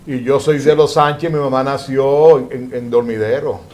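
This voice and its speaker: A man with an average-pitched voice hosts a panel discussion, chatting loosely and often restarting his sentences. His delivery is casual and conversational. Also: steady tone, normal speed, a little mellow. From San Juan, Dominican Republic. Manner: conversational, many restarts and repeated words. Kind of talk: panel talk show discussion.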